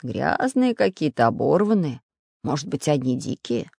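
A reader voicing a cautious, fussy male geography professor in a storybook reading, with a low, wary manner. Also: big pitch swings, normal speed, vocal fry, a little mellow, no echo, studio quality.

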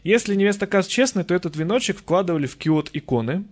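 A man from the Urals, a folklorist guest, telling stories of old customs in a lively casual interview, acting out quotes. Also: high-pitched, racing. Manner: lively, storytelling with acted-out quotes.

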